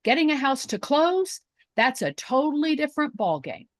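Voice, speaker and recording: A woman's voice: sits high, sing-song, moderate pace, no room sound, clean studio sound. A woman who works in real estate, speaking in a casual podcast discussion and repeating words as she builds a point.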